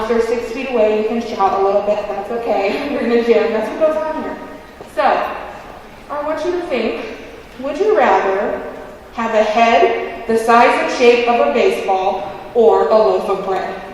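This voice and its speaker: A woman's voice: on the high side, moderate pace. A woman giving an informal, chatty keynote speech through a face mask, playful and self-deprecating as she talks like a teacher to a group. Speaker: keynote speaker and preschool teacher. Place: large indoor gymnasium. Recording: very echoey gym, distant, faint noise.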